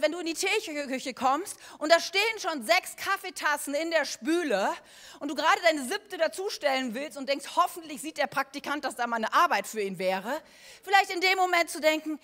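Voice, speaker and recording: A woman preacher giving a sermon, talking to her listeners directly and conversationally, moving between emphatic and quiet passages. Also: high voice, animated, normal speed. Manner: conversational, addressing listeners directly with everyday examples.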